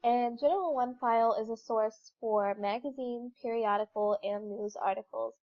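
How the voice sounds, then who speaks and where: Talking through her presentation slides informally with occasional fillers, a student presenter sounds stuffy and congested from a cold. Her voice runs fairly high at a moderate pace, and the recording has its highs cut off.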